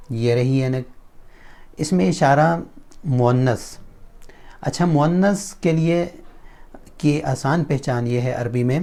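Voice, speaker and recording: Male teacher, Pakistani Urdu accent, mid-pitched and mellow, deliberate drilling delivery. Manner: slow, deliberate drilling of example sentences with translations. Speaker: Arabic teacher. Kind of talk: spoken-language lesson.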